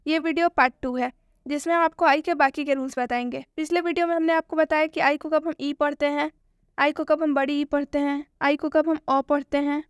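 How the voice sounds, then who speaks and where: A woman gives a spoken English lesson. She asks questions and answers them herself, and she repeats each point slowly. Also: high-pitched, fairly even intonation, no echo, clean studio sound. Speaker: English teacher.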